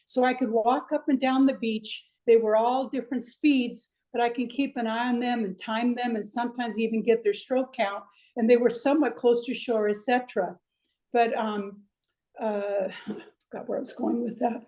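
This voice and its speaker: A woman's voice: on the high side, fairly even intonation, moderate pace, warm tone. An older woman from Iceland, a swim coach, talking reflectively in a chatty way with lots of fillers during an interview. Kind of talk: interview over video call.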